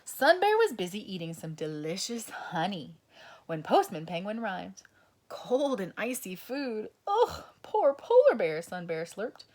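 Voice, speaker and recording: A woman reads a picture book aloud for toddlers, her pitch swooping up and down in a lively, playful way. She sounds animated and exclamatory. She keeps turning to the young listeners with questions. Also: unhurried. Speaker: children's storyteller.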